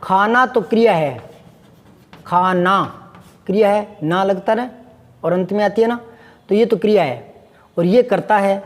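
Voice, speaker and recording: A man's voice: high-pitched, a little slow, long pauses, long reverb tail. A man teaching Hindi grammar, patiently repeating examples and asking his students questions. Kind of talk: classroom lesson.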